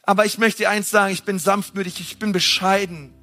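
A man preaching a sermon, passionate and emphatic, talking straight to his listeners in a casual way and swinging between loud and soft. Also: high-pitched, fairly even intonation, brisk. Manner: casual, direct address to the audience.

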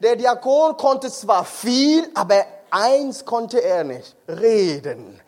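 A man preaches at a conference in a strikingly high voice. He speaks with fervor and keeps turning questions on the congregation. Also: sing-song, slow pace. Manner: impassioned, questioning the crowd. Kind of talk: sermon. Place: conference hall.

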